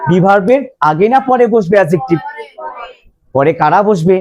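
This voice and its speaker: A man teaching English grammar to a classroom of students, slowly repeating questions for the class to answer. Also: high-pitched, expressive, lo-fi sound.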